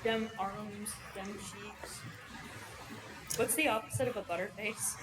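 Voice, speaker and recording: A woman co-playing a game on a live stream, giggly and quick with playful quips. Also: medium pitch, steady tone. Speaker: streamer co-player. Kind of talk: casual live-stream chat while playing. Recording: stream audio with clear background noise.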